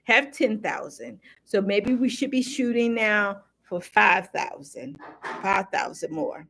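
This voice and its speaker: A woman in mid-range pitch hosting a live stream in a loose, rambling way. She speaks directly to her audience and calls them y'all, with a casual, unscripted flow. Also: takes it slowly, vocal fry, fairly bright tone. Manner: rambling, talks straight to viewers as y'all. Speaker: livestream host.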